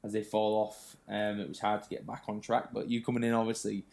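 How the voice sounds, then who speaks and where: A man's voice: on the low side, completely flat delivery, fairly quick, creaky, a little mellow. A young man from the UK, chatting casually and laughing easily as a fitness vlogger. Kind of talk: casual chat.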